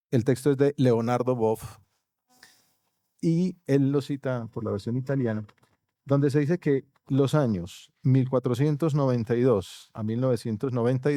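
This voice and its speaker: Delivering an academic lecture at a university conference, this Colombian man keeps a measured, steady pace and sometimes drops into softer asides. The setting is a university auditorium, though the audio is close and dry without echo, and his mid-pitched voice is mellow and dark.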